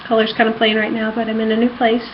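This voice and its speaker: A woman records a rambling vlog at home in her apartment room, her high voice quick but monotone despite her giddy fangirl enthusiasm. She chats casually throughout. The audio is a dull lo-fi home recording with background noise.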